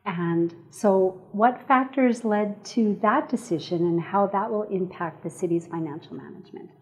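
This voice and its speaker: A woman's voice: medium pitch, normal speed. A woman hosting a council review, asking questions with upbeat brief affirmations. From Canada. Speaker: host. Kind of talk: interview hosting.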